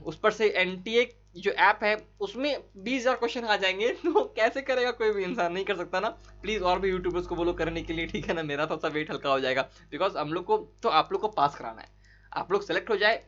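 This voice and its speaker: Man, biology tutor, very quick, chatty, coaxing, muffled lo-fi sound. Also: sits high, fairly bright tone. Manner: rushed, chatty, coaxing students with repeated tag questions. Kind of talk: fast online exam-solution lesson.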